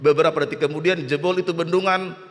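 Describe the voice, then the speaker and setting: A man with a Batak accent, preaching an animated sermon as pastor and acting out voices in a story. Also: a little high, fast. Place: church hall. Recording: long church hall reverb.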